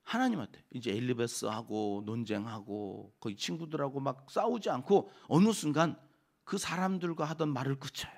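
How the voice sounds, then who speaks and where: A man's voice: medium pitch, animated, normal speed. A male pastor giving a conversational early-morning sermon, often asking the congregation questions and answering them himself.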